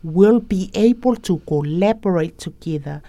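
A woman speaking as an education facilitator in a reflective interview, in a measured, deliberate manner. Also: fairly low pitch, animated, warm tone, no room sound.

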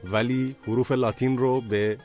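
A man co-hosting a radio show, calmly explaining details to listeners. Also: medium pitch, faint music behind. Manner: calm, explaining step by step. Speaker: radio co-host. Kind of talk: casual radio chat.

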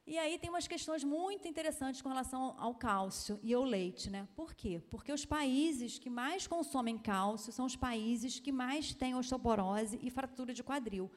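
A woman doctor from Brazil lectures in a chatty, emphatic way, tossing in tag questions as she goes. Her voice sits a little high, and a long hall reverb trails behind it. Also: moderate pace, hardly any pauses. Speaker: pediatrician giving a talk. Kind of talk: lecture-style talk with slides.

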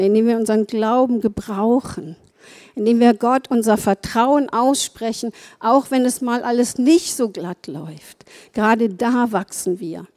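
A woman's voice: a little high, dark tone. A middle-aged woman preaching a sermon in an earnest way, repeating phrases and tagging her sentences with "ja".

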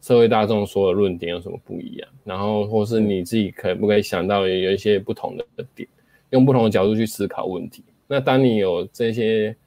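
Male host, lower pitch, dry close recording, casual explanatory delivery with spoken demos and fillers. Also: a little fast, vocal fry, dark tone, dry recording. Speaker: host explaining speaking skills.

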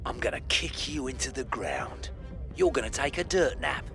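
A man's voice: mid-range voice, very animated, moderate pace, vocal fry, fairly bright tone, soft background music. A man voicing a menacing bounty hunter who taunts and threatens with gleeful violence.

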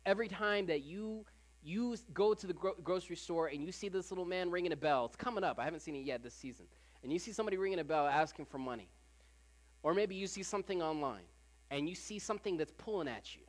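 A preacher at a Sunday service, talking to the congregation in a relaxed, everyday way rather than a formal one. Phrases get repeated for emphasis, and "like" fills the gaps. The pitch sits in a middle range. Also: quick pace. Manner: casual, repeats phrases, frequent "like" fillers. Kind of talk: conversational sermon.

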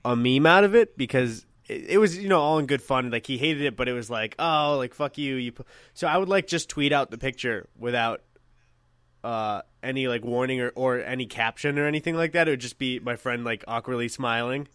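A young man spins a long story from high school, looping back on himself and swearing casually as he goes. His voice sits at an ordinary middle pitch. The sound is dry and close, with no room echo. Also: brisk, a bit bright, smooth. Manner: rambling, self-correcting, swears freely. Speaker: podcast co-host.

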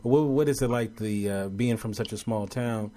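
A man from Los Angeles hosting an internet radio show, interviewing a guest in a relaxed, hesitant way with many fillers. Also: lowish voice, moderate pace. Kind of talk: casual interview.

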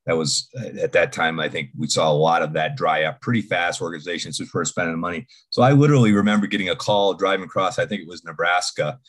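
A deep-voiced man from Boston in the United States, a security executive, appears as a podcast guest for casual interview talk. His tone is fairly bright, and he speaks haltingly, restarting and repeating words.

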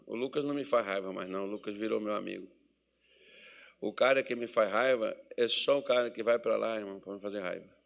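A Brazilian man preaching a sermon as pastor, swinging between loud exhortation and quiet asides, acting out little dialogues. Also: mid-range voice. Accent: Brazilian Portuguese. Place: church meeting hall.

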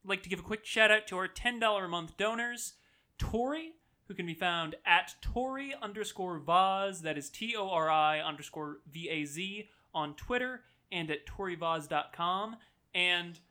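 Brief: bright, joking woman podcast host. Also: on the low side. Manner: joking, quick sign-off patter. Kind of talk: casual podcast chat.

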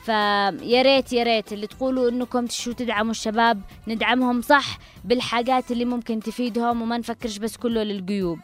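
Quick, high-voiced Yemeni woman radio host. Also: steady tone. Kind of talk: earnest talk radio monologue. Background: music.

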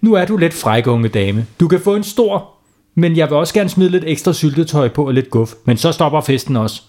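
A man's voice: fairly high pitch, lively intonation, darkish tone, voice pushed up, close to an everyday voice. A man voicing a patient but firm ice cream seller in a children's story, mildly scolding.

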